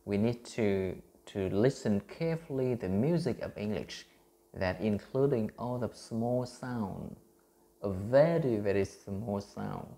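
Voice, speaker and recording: A man's voice: on the low side, expressive, slow, gravelly, dark tone. A man in his thirties from Vietnam with a Vietnamese accent, earnestly teaching English pronunciation into his phone, with many fillers and restarts. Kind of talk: self-recorded teaching vlog.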